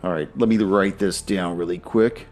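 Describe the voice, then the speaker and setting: Deep-voiced male game master. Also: steady tone, normal speed, a little mellow. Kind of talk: narrating a tabletop role-playing game.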